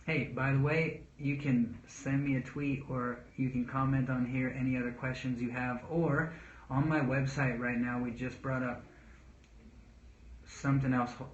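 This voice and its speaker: A man in his thirties, a father giving casual parenting talk to camera, earnest and rambling, pausing to read viewer questions. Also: mid-range voice, flat delivery, slight background noise. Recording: echoey room, dull lo-fi sound.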